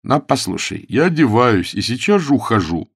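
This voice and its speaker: A man voicing a big, reckless young man who speaks slowly and glumly, with a husky, gravelly voice. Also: mid-range voice, very animated. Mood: glum, stubborn.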